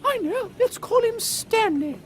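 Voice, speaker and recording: Very shrill, imperious Queen Victoria. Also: animated, unhurried. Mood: regal, whimsical. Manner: haughty, exclamatory, grandly regal. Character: imperious, theatrical Queen Victoria, female monarch. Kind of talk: audio drama comedy acting.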